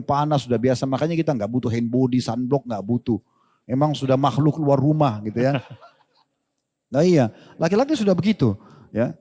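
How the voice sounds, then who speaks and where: A man giving a lively religious lecture to an audience, asking rhetorical questions and joking. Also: mid-range voice. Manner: animated, rhetorical questions, jokes and laughs with the crowd. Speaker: Islamic preacher. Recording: long hall reverb.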